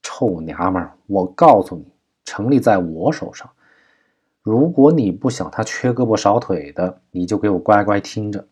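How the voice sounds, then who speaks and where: A man's voice: on the low side, lively intonation, normal speed, darkish tone, breathy edge. A man voicing a snarling kidnapper thug. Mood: menacing. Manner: snarling, crude threats. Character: vicious male kidnapper thug, threatening.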